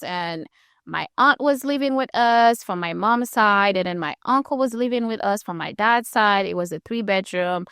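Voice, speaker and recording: A woman's voice: a little high, clear, resonant tone, no echo, studio quality. Candid woman hosting a podcast. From Haiti. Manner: candid, animated, conversational. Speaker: podcast host. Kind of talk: personal storytelling podcast.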